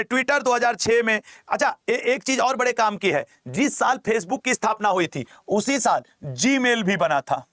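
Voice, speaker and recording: High-pitched bright male exam tutor. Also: no room sound, clean studio sound. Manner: teasing, chatty, repeats key terms. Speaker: teacher. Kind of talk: exam-prep lecture.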